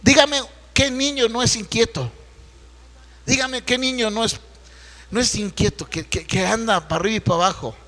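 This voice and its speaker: Pastor telling bible stories at sunday service, high voice, big church echo. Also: male voice, moderate pace, a bit bright. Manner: conversational storytelling preaching, with rhetorical questions. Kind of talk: Sunday sermon. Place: church sanctuary.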